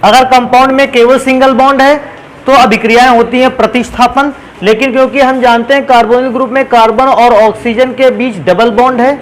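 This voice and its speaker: A man's voice: extremely high pitch, a little hiss or hum, rough recording. A man teaching a chemistry lesson in a classroom style, asking questions and answering them himself and addressing students fondly as children.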